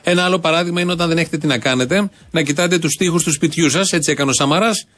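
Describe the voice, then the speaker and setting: A man's voice: a little high, fairly bright tone. A man with a slightly raised voice comments on a clip for a satirical radio show. His tone is earnest and preachy, but it plays as mockery.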